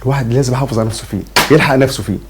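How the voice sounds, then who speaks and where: A man's voice: mid-range voice, steady tone, rapid-fire, noisy background. A man in his fifties with an Egyptian Arabic accent, an earnest and grateful talk show guest. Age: 50s. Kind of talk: casual TV interview.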